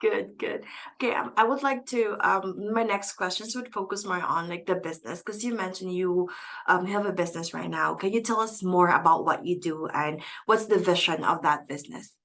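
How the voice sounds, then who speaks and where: A woman's voice: fairly low pitch, normal speed. A woman hosting a casual interview over a video call, encouraging her guest with friendly prompts and frequent "um"s. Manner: warm encouraging prompts, hesitant fillers. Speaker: host.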